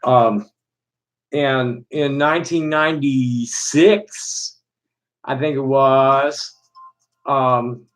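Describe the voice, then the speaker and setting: Middle-aged Chicago man, live-stream host, rambling and halting delivery. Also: medium pitch, fairly even intonation, poor audio. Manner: halting, many restarts and fillers. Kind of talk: rambling casual monologue to chat.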